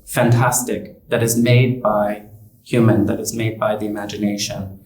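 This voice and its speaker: A man in his thirties from the United States, an artist talking slowly and haltingly about his work, with many pauses and ums. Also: on the low side, level tone, a little mellow. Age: 30s. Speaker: exhibiting artist. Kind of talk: reflective talk about his art. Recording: roomy, distant from the mic.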